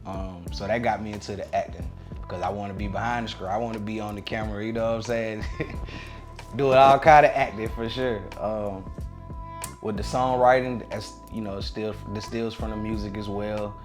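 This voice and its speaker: Young man, interview guest, relaxed slang, music behind. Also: on the low side, moderate pace. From Atlanta area. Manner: laid-back, relaxed slang. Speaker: guest, recording artist. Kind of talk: casual interview chat.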